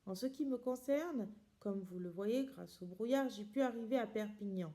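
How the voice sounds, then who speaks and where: A woman reading the lines of a wary, elegant man in hiding who speaks in a hushed, cautious way. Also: medium pitch, normal speed, natural voice.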